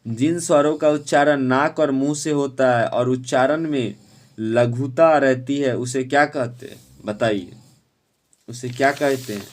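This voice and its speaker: A man teaching an exam-prep lesson, quizzing students and urging them to answer quickly. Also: medium pitch.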